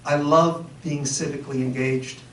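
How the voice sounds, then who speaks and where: A man's voice: fairly high pitch, fairly even intonation, normal speed, a bit bright, a little hiss or hum. A middle-aged man giving an earnest candidate speech at a community forum, with frequent fillers and restarts. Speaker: candidate for town office. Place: community meeting room. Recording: roomy hall, mic far off.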